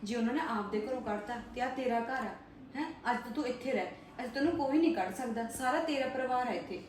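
A woman acting in a family drama, comforting and insisting in a quick, firm way. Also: a little high, a little mellow. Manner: comforting, insistent, fast-talking. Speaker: actor in a family web drama. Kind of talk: scripted family drama dialogue. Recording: echoey room, far from mic, faint noise.

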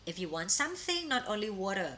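A Thai woman with a bright, clear voice runs a live-streamed English lesson. She speaks with a Thai accent and sounds out each English phrase slowly and deliberately, as if for learners to repeat. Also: medium pitch, sing-song. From Thailand. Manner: slow, carefully modelled English phrases between quick Thai explanations. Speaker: English teacher.

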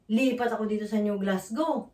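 A woman sharing a heartfelt church testimony in casual chat, emotional and halting, with many restarts and frequent laughter. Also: medium pitch, mellow. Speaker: church member giving testimony. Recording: echoey room from far off.

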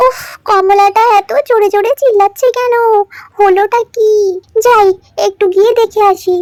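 Sick village mum fretting and sighing, woman voicing, high pitched doll story. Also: steady tone, moderate pace, no echo. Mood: worried. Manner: fretful, sighing complaints. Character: sick, worried village mother.

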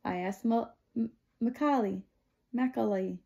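A bossy young girl teases and lectures in short, clipped phrases, as a woman puts her on in a storybook reading. The voice is pitched well above the reader's own and pushed louder. A gravelly grain still shows through. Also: a little slow. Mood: taunting. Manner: teasing, clipped simple phrasing.

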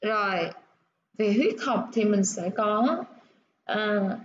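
A woman's voice: medium pitch, animated, lo-fi sound, a little hiss or hum. Woman teacher explaining word stress. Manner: explains slowly, repeats words for stress. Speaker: English teacher. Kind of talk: explaining a nursing English textbook.

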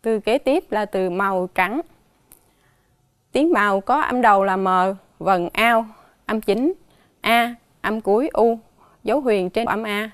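A woman teaching children a dictation lesson, slowly and carefully spelling out each sound and tone mark, with a Southern Vietnamese accent. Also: mid-range voice, dry recording. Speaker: primary school teacher.

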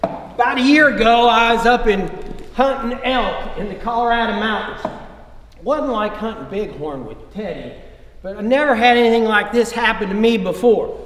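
Laid-back folksy cowboy trooper acted by a man, fairly high voice, distant and roomy. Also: normal speed. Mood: easygoing. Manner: relaxed, folksy drawl. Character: easygoing male cowboy soldier. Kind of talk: live stage play acting. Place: theater stage. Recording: echoey theater hall from far off.

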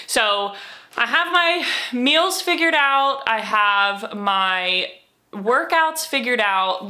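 A woman's voice: medium pitch, sharp tone. A young American woman in her twenties, chatting casually to the camera in her apartment with an upbeat manner and many fillers. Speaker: vlogger. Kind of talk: casual vlog talk to camera. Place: small apartment, indoors. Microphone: camera or phone mic at close range.

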